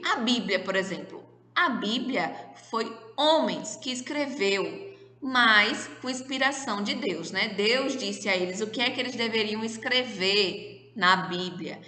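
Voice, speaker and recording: Slow, bright-voiced woman teaching small children. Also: mid-range voice, a little hiss or hum. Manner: slow, sounds out syllables, drawn-out stressed words. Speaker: kindergarten teacher. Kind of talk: recorded remote lesson for young children. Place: classroom with whiteboard. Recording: echoey room with long reverb.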